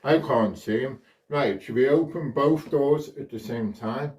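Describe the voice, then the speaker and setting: A man performs as a kids party magician with simple, playful patter. His voice sits at an average pitch. He is from the UK and is picked up by a distant microphone. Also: unhurried, darkish tone. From United Kingdom. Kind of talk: scripted children's magic patter.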